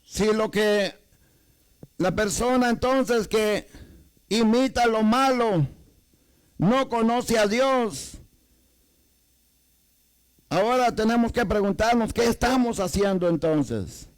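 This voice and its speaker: Male preacher, Salvadoran Spanish accent, slow deliberate sermon delivery. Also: sits high, clean tone, low-quality recording. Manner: rhetorical questions to the congregation, repeats "amados hermanos".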